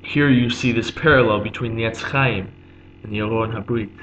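A man teaching an unscripted religious lesson, pausing often on "um", repeating himself and glossing each Hebrew term in English. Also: on the low side, fairly bright tone. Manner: halting, many "um"s, repeats and glosses terms. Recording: dull lo-fi recording with faint hum.

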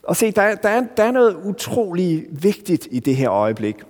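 A Danish man preaching a sermon as pastor, earnest and searching, often restarting phrases and pausing for emphasis. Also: high voice, sing-song, darkish tone. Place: church. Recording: long church reverb.

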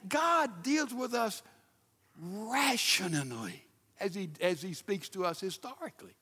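A male pastor preaching a sermon, emphatic, with sudden loud bursts and repeated rhetorical questions. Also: sits high, big-room sound.

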